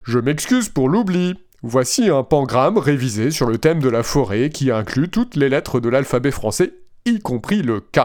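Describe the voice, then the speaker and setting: A man voicing an AI chatbot's answers in a put-on, flat, mechanical robot voice. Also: mid-range voice, moderate pace, natural voice. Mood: robotic.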